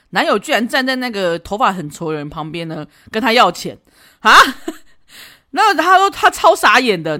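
A woman's voice: fairly low pitch, a bit bright. A woman with a Taiwanese Mandarin accent hosts a podcast, giving casual advice in a chatty, teasing way and laughing often. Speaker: podcast host.

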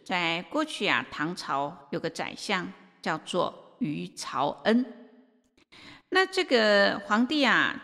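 Woman doing a buddhist sermon, lots of drawn-out fillers, low gravelly voice, echoing hall. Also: bright, forceful tone. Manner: unhurried, with many drawn-out filler particles. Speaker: Buddhist teacher. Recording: long reverb of a hall.

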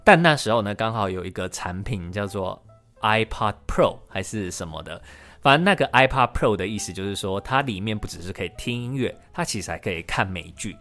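A man, a podcast host who tells his own story as the guest in an animated way. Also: fairly low pitch, brisk, faint music behind. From Taiwan. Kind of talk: podcast interview.

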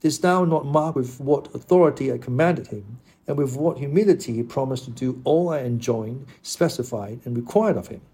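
Casting: man voicing a lofty, lecturing old knight for an audiobook; mellow, husky tone. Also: medium pitch, moderate pace, few pauses. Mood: declaiming. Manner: formal archaic speech, declaiming. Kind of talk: audiobook character reading.

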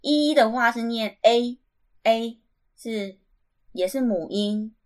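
Slow, patient woman. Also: a little high. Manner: patient, repeats sounds slowly and clearly. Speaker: podcast host. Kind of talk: casual language lesson.

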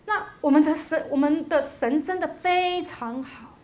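Woman, preacher, high voice, storytelling sermon, emphatic exhortation. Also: unhurried, darkish tone.

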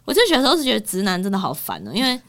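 A woman, her voice hoarse from a cold. She talks quickly at an average pitch and rambles through stories, full of fillers, as a podcast co-host in a small studio. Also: huge pitch swings, fairly bright tone. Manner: rambling storytelling with many fillers. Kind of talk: casual chat.

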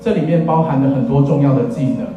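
A man in his thirties, Taiwanese accent, delivers a fast wedding speech as officiant, full of dry, self-deprecating jokes for the guests in a church. His mid-range voice comes through a muffled recording. Behind him, music fills a very echoey hall.

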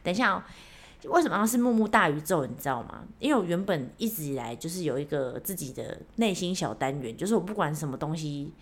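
Chatty young woman. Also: low-pitched. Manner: chatty, self-mocking, animated. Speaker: podcast host. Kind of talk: casual solo storytelling.

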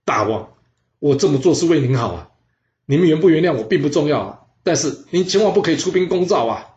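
A man's voice: on the high side, animated, fast talker, a little mellow, voice pushed up, close to an everyday voice. A man voicing a loyal minister who pleads tearfully with his king. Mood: pleading. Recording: roomy, slightly dull audio.

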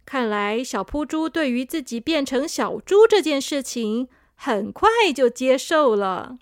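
A woman with a high, lively voice reading a children's story aloud. She speaks gently and unhurriedly to young listeners. The recording is dry and close. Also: a little slow, no room sound.

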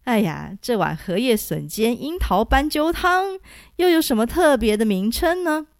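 A woman voicing a jovial old male beggar who loves fine food, talking in a hearty, boisterous way with loud laughs. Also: a little high, big pitch swings, measured pace, no room sound, studio quality.

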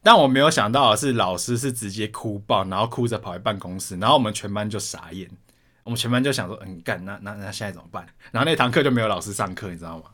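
Fairly low in pitch and fast-talking, a young man from Taiwan chats casually on a podcast he co-hosts. His animated retellings of school stories are full of swearing.

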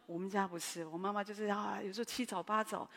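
A woman pastor with a Taiwanese Mandarin accent, preaching a sermon in a chatty, storytelling way with animated asides. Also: mid-range voice, fast, long reverb tail.

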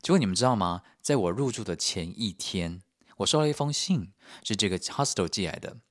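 Animated Taiwanese man telling a story. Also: lowish voice, a little fast. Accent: Taiwanese Mandarin. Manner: animated, self-mocking, often laughing. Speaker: podcast host. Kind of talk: casual storytelling monologue.

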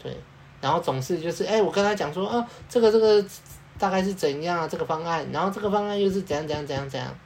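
A man talks through workplace anecdotes in a relaxed, meandering podcast chat. He leans on fillers, acts out small exchanges as he goes, and a faint hiss sits under the recording. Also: sits high, fast. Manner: rambling storytelling with fillers and laughs. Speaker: podcast co-host. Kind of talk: casual chat.

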